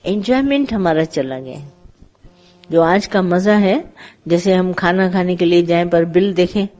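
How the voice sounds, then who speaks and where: A woman giving a satsang sermon, teaching in a conversational, gently instructive way and telling parables with acted dialogue. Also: lowish voice, a little slow. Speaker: spiritual teacher.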